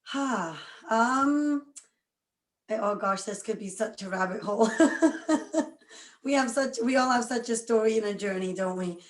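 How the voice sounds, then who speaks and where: Energetic woman in an echoey room. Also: on the high side, a little slow, pauses often. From Scotland. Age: around 40. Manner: energetic, laughs often. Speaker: guest. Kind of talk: casual interview chat.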